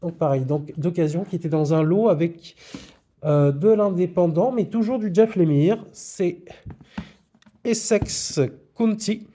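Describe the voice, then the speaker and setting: A man with a warm, high-pitched voice speaks a little slowly as he presents his comic book purchases in a casual vlog. He hesitates often and uses many fillers.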